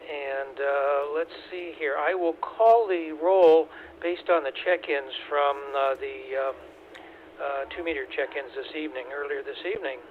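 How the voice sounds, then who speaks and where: Man, amateur radio net control, unhurried with fillers, thin radio sound, light static hiss. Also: a little high. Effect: heard over a two-way radio. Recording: tinny radio with faint static.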